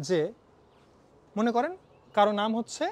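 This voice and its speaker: A man's voice: high voice, lively intonation, unhurried. A man with a Bangladeshi Bengali accent lecturing a university phonetics class in a conversational way, dropping English phrases into his talk and putting questions to the students.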